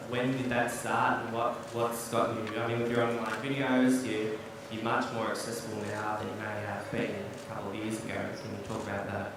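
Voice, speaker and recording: A man's voice: fairly low pitch, little pitch movement, normal speed. A man asking questions as a reporter at a press conference. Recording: echoey press hall, distant, noisy.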